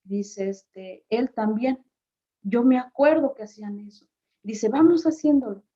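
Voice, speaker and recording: Mellow-voiced woman recalling a memory. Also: a little high. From Mexico. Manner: unhurried, halting, with frequent filler pauses and reported dialogue. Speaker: community speaker. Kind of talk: personal storytelling at a presentation. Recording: slightly dull lo-fi recording.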